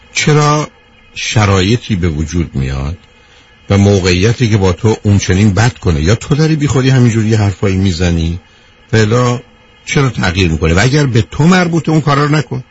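A deep-voiced man with a breathy edge hosts a radio call-in advice show, speaking directly to his caller, lecturing her and calling her "dear." It sounds like a dull radio broadcast.

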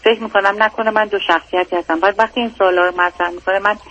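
A woman's voice: mid-range voice, steady tone, a bit bright. A woman calls in to a radio advice show over the phone. She explains at length in an anxious way and often answers "yes". A faint hiss of the phone line sits under her voice. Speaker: caller.

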